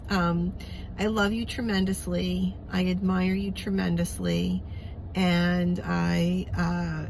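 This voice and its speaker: A woman from Long Island with a Long Island accent, rambling warmly through a video message to a friend with many pauses and fillers. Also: lowish voice, background noise. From Long Island, New York.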